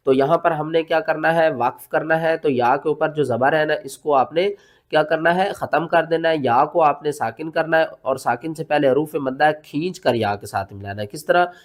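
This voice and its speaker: A man teaching Quran pronunciation step by step, spelling words letter by letter and chanting the verses slowly, asking and answering his own questions. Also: a little high. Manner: patient, explanatory, asks questions and answers them himself.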